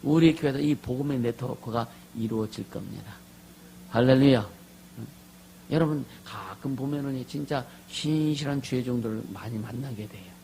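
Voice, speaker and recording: A pastor with a gravelly, fry-edged voice preaches a lively sermon, drawing amens from the congregation. His voice moves from murmured asides to full shouts, and a faint hum sits under the recording. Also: mid-range voice, moderate pace, low-quality recording. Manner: animated, asks the congregation for amens, swings from soft asides to loud shouts.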